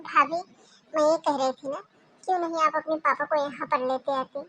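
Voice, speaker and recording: A caring young daughter from a cartoon, voiced by a woman. She talks earnestly and persuasively in a high voice. She protests readily. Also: fairly even intonation, moderate pace, a bit bright, slight background noise. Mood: persuading. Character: young caring daughter who defends her sister-in-law. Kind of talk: Hindi cartoon voice acting.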